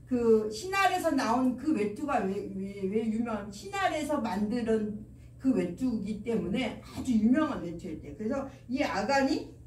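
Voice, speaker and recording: Woman preacher, youth sermon, high voice, chatty, echoey church hall. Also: lively intonation, moderate pace, darkish tone. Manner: chatty, asks the listeners questions. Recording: echoey church hall, mic far off, faint noise.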